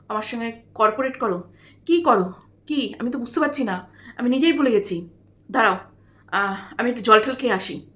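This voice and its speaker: A woman's voice: sits high, fairly bright tone. A woman vlogger in casual, mocking commentary who scolds and repeats herself, with many fillers and a sarcastic edge. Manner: scolding, exasperated, repetitive.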